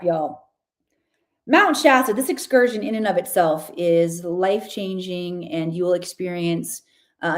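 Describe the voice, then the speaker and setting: Chatty and enthusiastic, a woman podcaster and Akashic reader gives a spiritual reading laced with casual slang, her voice lowish and a little mellow.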